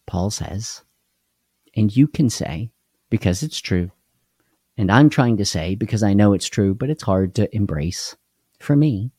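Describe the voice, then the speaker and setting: Man, live devotional host, earnest, repeats phrases, warm low voice, dry room. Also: breathy edge, no room sound.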